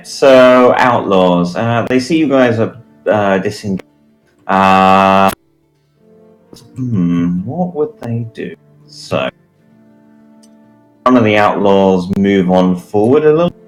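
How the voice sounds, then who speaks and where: A man narrating as game master, measured and pausing often with fillers. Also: low voice.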